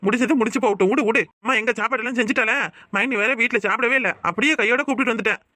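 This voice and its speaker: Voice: medium pitch, steady tone, racing, bright, forceful tone, no echo, clean studio sound, natural voice. A performer voicing a peacemaking older father in a cartoon, speaking with a Kanyakumari Tamil accent. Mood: placating. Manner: pleading, placating. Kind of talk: cartoon voice acting.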